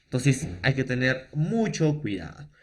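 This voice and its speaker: A middle-aged Peruvian man talks his students through a lesson with a Peruvian Spanish accent. He works in constant tag questions and fillers, repeating points to make sure they sink in. His voice sits at an ordinary pitch for a man. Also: sing-song, a little slow. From Peru. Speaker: teacher. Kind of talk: remote classroom lesson.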